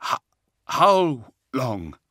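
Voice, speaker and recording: A man voicing a weak, hoarse male warrior just out of a coma, speaking haltingly and sometimes in a whisper. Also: mid-range voice, very animated, pushed and bright, dry recording, studio quality, voice pushed up, full character voice. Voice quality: hoarse, croaking.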